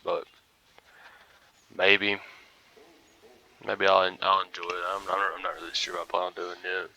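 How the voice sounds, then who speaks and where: Deep, level and creaky, this young man's voice moves a little slowly as he casually commentates a hunting game for his stream. He's groggy and rambling as if freshly awake, laid-back with mumbly asides, under heavy background noise.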